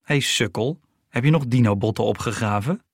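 A man's voice: medium pitch, moderate pace, dry recording, studio quality, close to an everyday voice. A man voicing a taunting schoolboy bully with braces, in a mocking, sneering tone.

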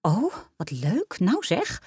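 A woman's voice: medium pitch, huge pitch swings, slow pace, a little mellow, husky, no room sound, clean studio sound, full character voice. A woman voicing a theatrical, starstruck mother who draws out her words in swooning emphasis. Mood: gushing. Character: gushing middle-aged mother, starstruck and theatrical.

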